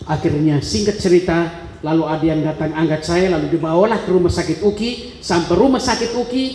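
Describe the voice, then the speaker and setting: A man with a high, ringing voice delivers a sermon testimony. His storytelling is dramatic, and he acts out the voices and gasps of each scene. His voice carries a long hall reverb and sounds roomy. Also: brisk, mellow, a little hiss or hum. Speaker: preacher giving a testimony.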